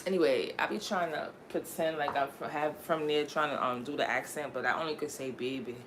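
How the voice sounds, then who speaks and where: A woman's voice: deep voice, steady tone, brisk, a bit bright, a little hiss or hum. A young woman raised in Connecticut, chatting casually on her livestream in a rambling, slangy way and laughing often. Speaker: livestream host.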